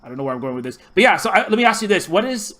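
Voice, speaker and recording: A man from Hawaii hosting a podcast in casual chat, talking in a halting, rambling way with many restarts. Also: high voice, sing-song, fairly bright tone. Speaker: podcast host.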